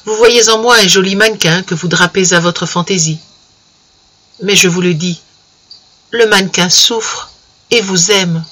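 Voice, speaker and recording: A man's voice: high voice, a little slow, long pauses, heavily acted. A man voicing a tearful young German girl. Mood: hurt, pleading. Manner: soft pleading reproach.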